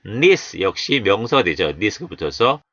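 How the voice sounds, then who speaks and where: A man teaching English pronunciation of Bible verses, stretching out model words slowly and explaining calmly. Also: on the low side, no room sound.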